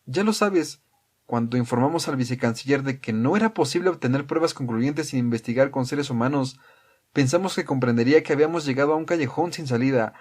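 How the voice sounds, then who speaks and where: A man's voice: medium pitch, a little fast, a little mellow, natural voice. A man voicing a guilt-ridden middle-aged mother who speaks in a faint, desperate voice.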